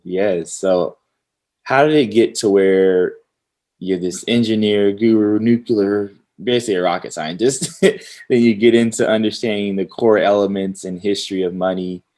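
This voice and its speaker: A man's voice: fairly low pitch, moderate pace, darkish tone. A man hosting a casual crypto interview podcast, upbeat and full of slang. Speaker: podcast host. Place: Houston.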